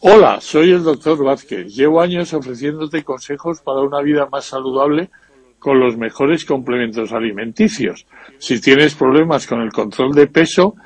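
A male voice of medium pitch presents himself as a doctor. He delivers a scripted infomercial pitch in a dry, close studio sound. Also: normal speed, no echo, soft background music. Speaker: doctor promoting supplements.

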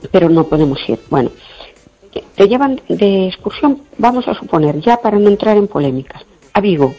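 An older woman chatting casually, telling stories in an outspoken, indignant way and often clearing her throat. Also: medium pitch, big pitch swings, measured pace, long pauses, dark tone. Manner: outspoken, indignant, acts out quoted dialogue. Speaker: guest in a conversation. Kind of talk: casual chat, storytelling. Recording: dull lo-fi recording, faint music behind.

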